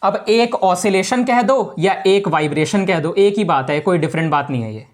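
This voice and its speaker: A man's voice: high voice, lively intonation, normal speed. A male teacher giving a casual physics lesson to students, talking informally and repeating the key points.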